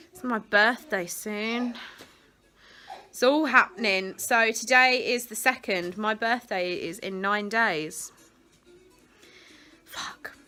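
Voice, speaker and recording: Brit woman rambling on her vlog at home, bright voice, keeps trailing off. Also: mid-range voice. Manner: rambling, chatty, self-interrupting. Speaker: vlogger. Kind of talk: casual chatty vlog. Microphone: phone camera clipped on a window ledge.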